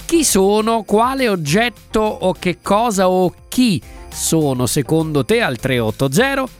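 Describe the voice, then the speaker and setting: Animated, showy male game show host. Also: sits high, measured pace. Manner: showy, playful game show host, repeating answers theatrically. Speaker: radio host of a listener riddle game. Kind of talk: radio call-in game banter. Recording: music bed under the voice. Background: music.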